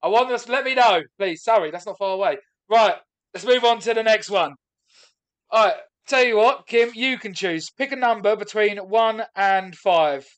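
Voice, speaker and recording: A man's voice: high-pitched, normal speed, fairly bright tone. Blunt, matey man hosting. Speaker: host of comedy gong show. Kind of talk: casual banter hosting. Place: online video call.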